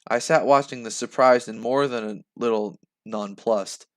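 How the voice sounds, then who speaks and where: Animated young man reading a novel aloud. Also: mid-range voice, moderate pace. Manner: animated, laughs and breaks off mid-sentence. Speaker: reader reacting live.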